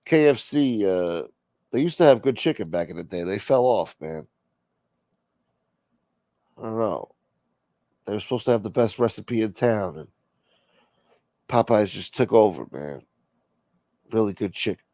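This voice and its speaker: A man hosting a show, delivering a crude, deadpan comic monologue. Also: lowish voice, unhurried, pauses often, dry recording, clean studio sound. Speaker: show host. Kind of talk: rambling comedic monologue.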